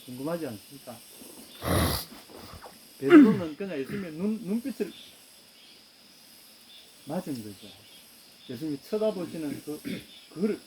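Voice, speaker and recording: A man's voice: on the high side, mellow, a little hiss or hum, poor audio. A man with a Gyeongsang accent preaching a sermon, retelling a story and addressing the congregation directly. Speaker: pastor.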